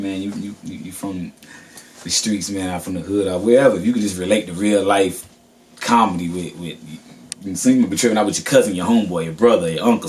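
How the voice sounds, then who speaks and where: A man's voice: low voice, darkish tone, far from the mic. A man who raps, giving a casual, laid-back interview with a Southern US accent and many repeated filler phrases. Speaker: rapper.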